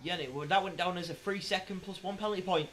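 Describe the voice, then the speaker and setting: A man with a Northern English accent co-commentating a sim race, chatty and quick to laugh and tease. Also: sits high, fairly bright tone. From Northern England. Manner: chatty, laughs often, teasing.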